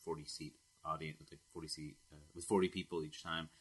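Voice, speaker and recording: A man from Queens, a stand-up comedian telling anecdotes in casual chat and getting animated when he quotes people. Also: rumbling low, quick pace, slightly rough. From Queens, New York.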